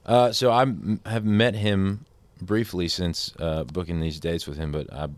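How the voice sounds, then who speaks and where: A man's voice: low-pitched, fairly even intonation, measured pace, no echo. A young man from Indiana, a musician guest chatting casually in an interview, laid-back with frequent laughs and fillers.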